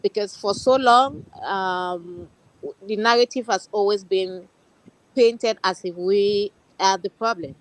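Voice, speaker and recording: A woman's voice: medium pitch, slow, poor audio. A woman from Cameroon, a social worker and guest on an online panel, speaking earnestly and steadily with frequent restarts.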